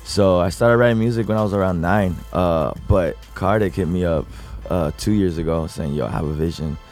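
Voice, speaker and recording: A young man from Puerto Rico with a very low voice, chatting easily as a guest about his music. He tells his story with a laugh now and then. Soft music plays faintly in the background. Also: a little fast. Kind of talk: casual chat.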